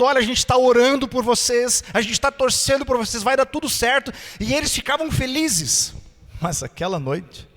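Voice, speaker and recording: A pastor, preaching an earnest sermon full of storytelling and sudden drops in volume. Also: male voice, sits high, a bit bright. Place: church hall. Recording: reverberant church hall.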